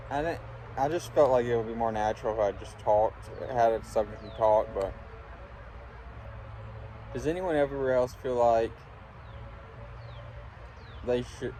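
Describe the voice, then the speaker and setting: A young man from Alabama talking in a casual, halting, reflective ramble while smoking a pipe, often trailing off. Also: medium pitch, warm tone, low-quality recording. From Alabama, United States. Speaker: vlogger talking to viewers. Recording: windy, clear background noise. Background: wind.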